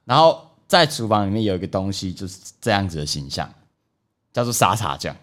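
A man tells a story on a casual podcast, animated and swearing freely as he goes. His voice sits fairly low. He laughs easily through the telling. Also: brisk. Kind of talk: casual chat.

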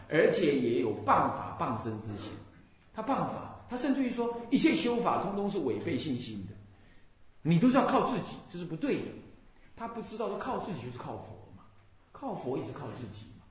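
A male Buddhist monk and temple abbot giving a dharma talk. He speaks in an animated, scolding way and mimics the people he criticizes. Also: a little high. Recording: very echoey room.

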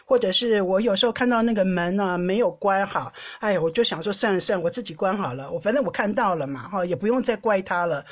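A Taiwanese woman with a Taiwanese Mandarin accent, hosting a podcast and telling a personal story in an animated, chatty way, often laughing and tagging phrases with a soft "ha". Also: medium pitch, fast, hardly any pauses, breathy edge, highs cut off. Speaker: podcast host. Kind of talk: casual storytelling monologue.

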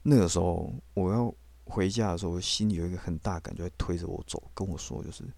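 Man, low voice, brisk delivery, blunt personal testimony. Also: gravelly, warm tone, dry recording. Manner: blunt, candid storytelling with casual swearing. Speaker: podcast host.

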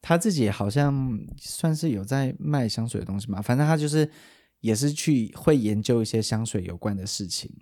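A man's voice: medium pitch, expressive, normal speed, dark tone. A man with a Taiwanese Mandarin accent, a podcast host in casual chat who explains at length and often restarts his sentences.

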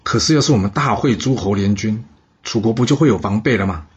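An ambitious ruler keeps pitching ideas and asking questions, as a man puts him on. His voice is husky and fairly low. The recording has a dull, lo-fi sound. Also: fast. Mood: eager. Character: ambitious, eager male ruler.

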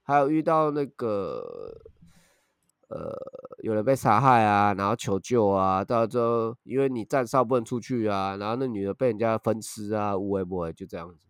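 A man tells a story in a podcast chat, using crude slang. His pitch rises and falls freely. The sound is dry and close. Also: normal speed, smooth, dry recording. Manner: animated, uses crude slang. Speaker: podcast co-host.

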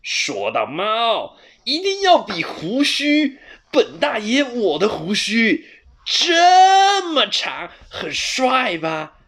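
A woman voicing a boastful male tabby cat in a children's storybook, bragging in a shrill, showy voice. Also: wildly swooping pitch, very slow, a bit bright, full character voice. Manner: shrill boasting, calls himself 本大爷.

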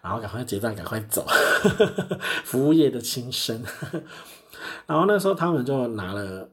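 A man's voice: medium pitch, animated, normal speed. A young man, hosting a podcast and telling stories in a chatty, self-mocking way. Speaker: podcast host. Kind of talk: casual solo storytelling.

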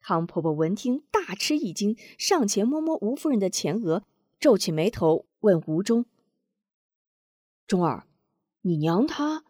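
Expressive woman storyteller, lively pitch. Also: normal speed, slightly rough, no room sound, clean studio sound. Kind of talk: scripted narration of a martial-arts story.

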